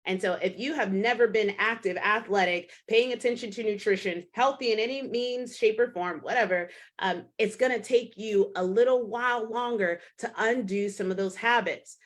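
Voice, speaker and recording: A woman's voice: moderate pace, hardly any pauses. Blunt, swearing woman podcast host. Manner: blunt, swears, acts out clients in a higher voice. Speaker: podcast host and fitness coach. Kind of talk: casual solo podcast monologue.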